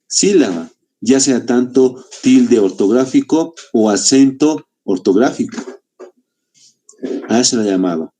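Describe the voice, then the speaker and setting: A man from Bolivia teaches a literature class in a relaxed, mellow voice at a middling pitch. He explains patiently, stretching out key words and checking in with a quick "¿no?" after almost every point. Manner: explains with rhetorical questions and frequent "¿no?". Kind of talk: literature lesson for exam applicants.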